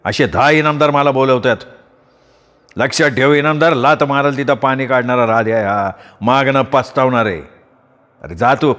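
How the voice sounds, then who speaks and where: A fierce, burly village guard, as a male storyteller plays him, blunt and defiant in a mid-pitched voice. The lines come plainly, close to the reader's own tone. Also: moderate pace, fairly bright tone, long reverb tail, close to an everyday voice. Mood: scornful.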